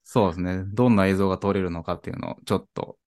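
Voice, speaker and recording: Low-voiced man in relaxed polite chat. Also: rapid-fire. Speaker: podcast co-host, car garage owner.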